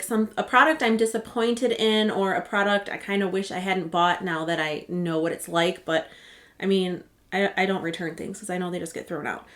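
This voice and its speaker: Woman vlogger, casual and chatty, rambly asides, everyday voice. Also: medium pitch. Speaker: beauty vlogger. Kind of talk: casual product walkthrough.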